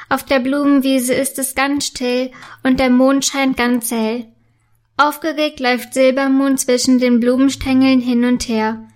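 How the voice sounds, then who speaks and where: A woman reading a bedtime story aloud in a gentle, soothing manner. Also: high voice.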